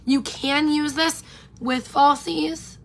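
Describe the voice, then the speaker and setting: Speaking slowly in a high, fairly even voice that is clearly going, a woman in her thirties rambles through a get-ready-with-me live stream, calling out viewers by name. She's a beauty vlogger doing her makeup indoors under pink neon lights, recorded close up by a camera in front of her. The audio is very noisy.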